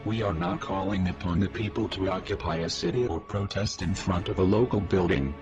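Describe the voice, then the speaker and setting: Give me a deep, disguised, electronically lowered male voice reading a solemn statement over music. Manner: slow, solemn, declarative. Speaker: anonymous spokesman. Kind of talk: scripted manifesto statement.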